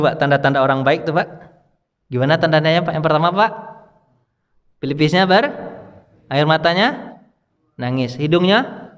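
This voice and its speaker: A male preacher giving a conversational sermon, often asking his listeners questions. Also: a little high. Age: younger than his audience. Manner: conversational, asks the audience questions. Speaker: Islamic preacher. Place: hall with audience. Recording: long reverb of a hall.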